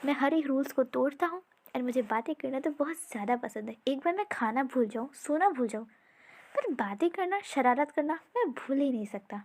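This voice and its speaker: Brief: woman playing a talkative, rule-breaking young prince, high, eager, playful. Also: animated, brisk, a little mellow. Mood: fond.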